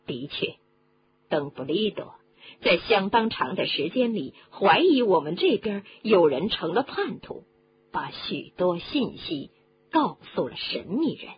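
A woman voicing an older male government minister who talks low and confiding, in an audiobook reading on a dull lo-fi recording with faint hum. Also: sing-song, a little slow. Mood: grave.

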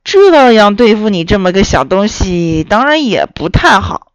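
A woman voicing a big, hungry male wolf in a children's story, talking gruffly and bluntly. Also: very animated, a little slow, no echo. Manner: gruff, lower and louder than the narration.

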